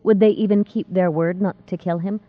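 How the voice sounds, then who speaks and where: A woman narrating a fantasy novel in a steady, measured reading. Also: fairly low pitch. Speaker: audiobook narrator. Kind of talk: scripted narration. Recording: tinny phone-like dry sound.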